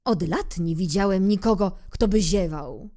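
Pompous old king, barks orders, slow and mellow, woman reading him. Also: mid-range voice, close to an everyday voice. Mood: commanding. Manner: commanding and pompous. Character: pompous old male king, self-important monarch.

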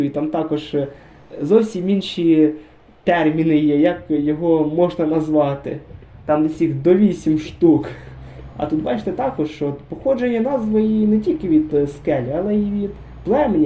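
Dark-voiced man chatting over gameplay. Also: fairly high pitch, fairly quick, lo-fi sound. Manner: chatty, musing aloud, addresses viewers directly. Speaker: game commentator. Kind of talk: casual gameplay commentary. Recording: roomy echo.

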